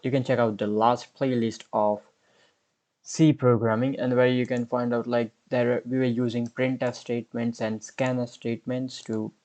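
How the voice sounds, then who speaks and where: With a medium pitch, a flat delivery and a slightly mellow quality, a man in his twenties leads a screen-recorded programming tutorial. He types as he goes and explains the code in unhurried, step-by-step fashion.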